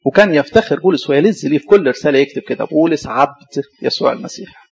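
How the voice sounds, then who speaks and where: A man with an Egyptian Arabic accent preaches at a rapid clip, firing rhetorical questions and answering them himself. His voice is husky and sits a little high for a man. The recording is dull and lo-fi. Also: animated, darkish tone. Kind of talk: sermon.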